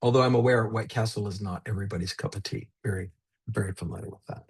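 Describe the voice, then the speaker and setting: A man's voice: lowish voice, fast talker, slightly rough. A man leading a live online teacher training, demonstrating a tool in an upbeat, chatty way and addressing attendees by name over a video call. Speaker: workshop presenter.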